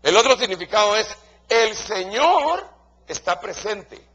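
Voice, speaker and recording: A man's voice: high voice, sing-song, a little slow, fairly bright tone, slightly rough. A man preaching a sermon to pastors in a Guatemalan Spanish accent, stressing his points by repeating key phrases.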